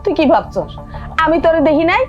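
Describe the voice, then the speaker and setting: A woman plays a stern, protective grandmother who scolds and pleads by turns. Her voice is high and lively. The recording sounds slightly dull, with faint music behind. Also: a little fast. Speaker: grandmother in a family drama. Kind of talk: television drama acting.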